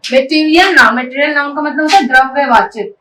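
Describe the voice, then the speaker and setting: A woman's voice: high voice, fairly quick, bright, forceful tone. A woman teaching a spoken English class. She spells words out letter by letter, breaks them into syllables and keeps checking that her students are following. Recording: echoey room, voice picked up from a distance.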